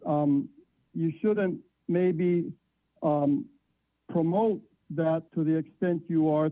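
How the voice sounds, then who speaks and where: Sex: man. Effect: crackly phone line breaking up with static. Role: caller at a public meeting. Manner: halting, many hesitations. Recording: tinny, dry. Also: fairly high pitch, no room sound. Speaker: caller giving public comment at a city council meeting.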